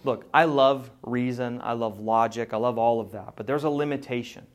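A pastor preaching a sermon, swinging between raised, urgent lines and quiet, conversational asides. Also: male voice, mid-range voice, steady tone, normal speed.

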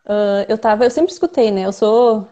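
A woman's voice: mid-range voice, moderate pace, dark tone, muffled recording. A young adult woman with a Brazilian accent, a researcher and translator, explaining her work at length in a casual interview. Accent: Brazilian Portuguese. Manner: thoughtful, explains at length with many fillers.

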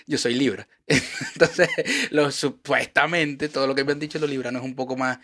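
A man hosting a podcast, relaxed and joking, with quick interjections. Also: mid-range voice. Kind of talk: casual podcast conversation.

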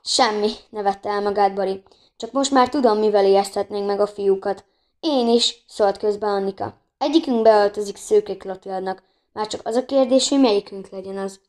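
Woman reading a kids book out loud, trips over words and restarts a lot, medium pitch. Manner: reads unevenly, often stumbles and restarts words. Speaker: audiobook reader. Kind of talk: reading a children's book aloud.

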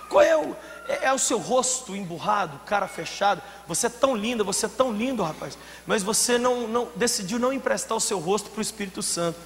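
A man preaching a sermon as a pastor, telling stories and acting out scenes with sudden shouted outbursts. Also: sits high, a little hiss or hum. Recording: long hall reverb, faint ambience.

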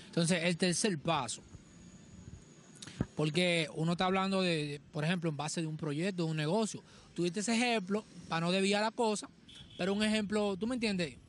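High-voiced man explaining. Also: moderate pace, a little hiss or hum. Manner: explains with examples, keeps asking "¿me entiendes?". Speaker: podcast co-host. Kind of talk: casual chat.

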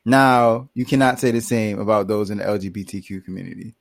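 A man's voice: lowish voice, a little fast, gravelly, no room sound. A man co-hosting a podcast in a casual, rambling discussion, full of fillers and laughs. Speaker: podcast co-host.

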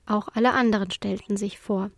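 A woman narrating a children's storybook chapter in a clear, even reading voice. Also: mid-range voice, fairly quick, dry recording, studio quality. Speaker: audiobook reader.

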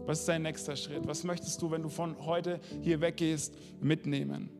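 A man's voice: fairly high pitch, level tone, moderate pace, vocal fry. A man preaching a sermon and putting direct, challenging questions to his listeners. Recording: long hall reverb, faint music.

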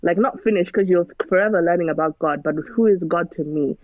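Fairly low-pitched and fairly quick, a female guest in a relaxed conversation comes through with dry, phone-like sound. Her earnest tone turns sermonizing as she rattles off rhetorical questions.

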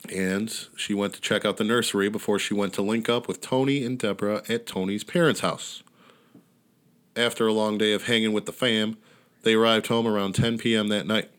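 Laid-back low-voiced man telling a story. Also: fairly even intonation, a little fast, fairly bright tone, clear, resonant tone. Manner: laid-back, wry, swears casually. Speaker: podcast host. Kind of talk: casual storytelling chat. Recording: outdoor neighborhood ambience behind.

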